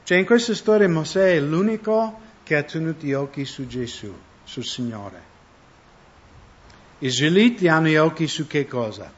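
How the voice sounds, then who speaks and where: A man's voice: a little high, expressive, normal speed. Man preaching a sermon, lo-fi. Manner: conversational, asks the audience questions. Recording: dull lo-fi recording.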